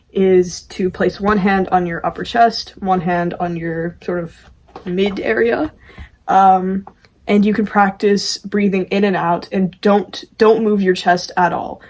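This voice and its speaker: Female amateur vocalist as tutorial host: informal, self-deprecating, medium-pitched, conversational delivery. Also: a little mellow. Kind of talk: casual video tutorial.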